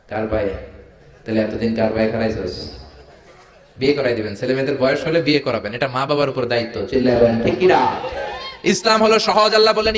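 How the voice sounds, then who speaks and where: A man with a Bangladeshi Bengali accent preaching a sermon, jokey and animated, firing rhetorical questions at the crowd. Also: mid-range voice. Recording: echoey hall, dull lo-fi sound.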